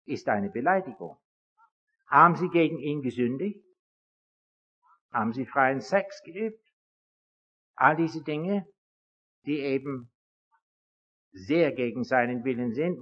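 A man with a husky, fairly high voice that swings widely in pitch gives a religious lecture to an audience. He tells his stories in an animated way and acts out each side of the dialogue. The recording is dull and lo-fi, with a long echo from a big hall. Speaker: speaker addressing an audience.

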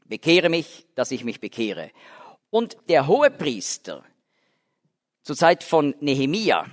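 A man teaching a Bible class in a hall with long reverb. His voice sits a little high for a man. He explains carefully, restarts often and leans hard on key words. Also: wildly swooping pitch, slow. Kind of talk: Bible lecture.

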